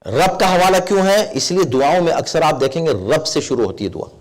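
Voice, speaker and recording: A man's voice: fairly high pitch, big pitch swings. A man, an Islamic scholar, giving a sermon-style commentary on scripture, quoting verses and then explaining them, often asking rhetorical questions and rising to emphatic exhortation. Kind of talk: Urdu sermon lecture with Arabic recitation.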